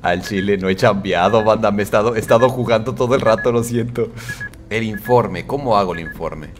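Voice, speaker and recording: A young man with a Mexican accent giving excitable gameplay commentary, yelping and swearing at the game as he plays. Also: on the low side, a little fast. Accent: Mexican Spanish. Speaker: gaming streamer. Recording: game music behind the voice. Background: game music.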